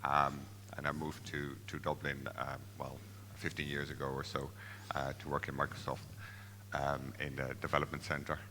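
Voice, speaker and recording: In a large conference hall with a long reverb tail and a little hiss or hum, a Dutch software developer presents a tech talk hesitantly, stumbling through fillers and restarts. His rumbling low voice is monotone, bright, and forceful, at a moderate pace.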